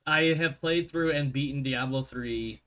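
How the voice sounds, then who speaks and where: A man's voice: mid-range voice, measured pace. A man hosting as game master in casual, sweary group banter, often interrupting himself. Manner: sweary, self-interrupting, animated. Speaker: game master and show host.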